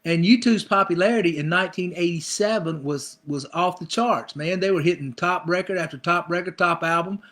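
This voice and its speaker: A man's voice: sits high, brisk, hardly any pauses, a bit bright. A middle-aged male pastor preaching a conversational sermon, acting out people's inner thoughts with repeated phrases.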